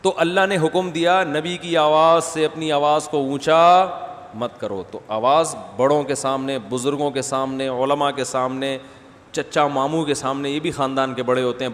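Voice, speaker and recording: At a mosque gathering after night prayers, a man with a medium-pitched, steady voice gives a conversational religious lecture, asking the audience questions and slipping in humorous wordplay. A long hall reverb and faint background noise color the recording.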